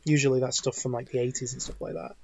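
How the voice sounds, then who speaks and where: A man's voice: medium pitch, little pitch movement, fast, a little mellow, lo-fi sound. A man co-hosting a podcast in casual chat, rambling and restarting his sentences often. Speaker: podcast co-host.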